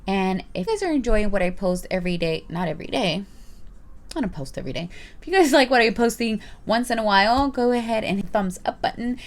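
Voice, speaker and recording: A woman's voice: mid-range voice, lively intonation, fairly quick. Chatty rambling woman vlogger. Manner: chatty, rambling, playful asides. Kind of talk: casual product review vlog.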